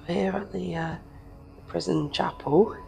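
A hoarse woman co-investigator giving a slow, halting on-location walkthrough of a site. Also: on the low side, fairly even intonation, a little mellow, soft background music, poor audio. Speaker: paranormal co-investigator.

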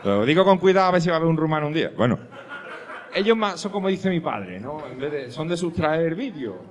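A man performing a stand-up comedy monologue, telling a story, dropping to hushed asides and rising to loud punchlines. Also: a little high, very animated, a little fast. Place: comedy club stage with audience. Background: audience laughter.

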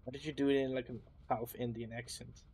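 A man's voice: medium pitch, flat delivery, a little fast, a little mellow, breathy edge. A young man with a Dutch accent, chatting bluntly and swearing while playing an online game with friends. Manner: blunt, swears a lot, mock outrage. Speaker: gaming channel host. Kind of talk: casual gaming chat.

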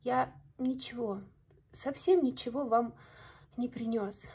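A woman's voice: fairly high pitch, slow pace, gravelly, darkish tone, husky, heavily acted. A woman doing a timid stammering hare. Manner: stammering, meek.

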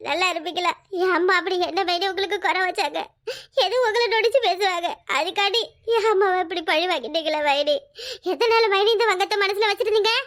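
A woman voicing an angry young village woman in a cartoon, firing sharp, accusing questions. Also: extremely high pitch, quick pace. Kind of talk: cartoon voice acting.

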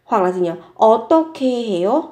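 A woman's voice: fairly high pitch, lively intonation, racing, a little mellow. A woman teaching vocabulary, patiently repeating words and asking herself questions as she explains example sentences. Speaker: Korean language teacher. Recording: roomy echo.

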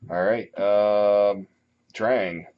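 Unhurried game master man, muffled sound. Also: fairly low pitch. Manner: relaxed, brisk turn calling with laughs. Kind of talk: running a tabletop game session. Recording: muffled lo-fi table recording.

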